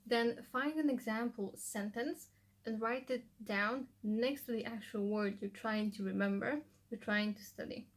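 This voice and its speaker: Speaking at a measured pace in a voice on the high side, a young woman walks through her study tips in a casual how-to vlog about language learning. A native Polish speaker, she rambles loosely and keeps restarting with "like" and "you know."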